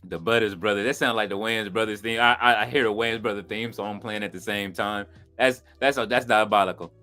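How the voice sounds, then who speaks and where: A man's voice: lowish voice, fairly quick, faint music behind. Chatty man hosting a stream. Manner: loose and chatty, fillers like "you know what I'm saying"; bursts of excited reaction. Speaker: watch-along stream host. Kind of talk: casual live-stream chat, reading viewer comments.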